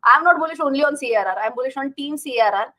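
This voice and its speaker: A woman's voice: high-pitched, expressive, rapid-fire, bright, forceful tone. A woman with an Indian accent hosting a casual livestream as a finance educator, chatting directly to viewers and repeating words for emphasis.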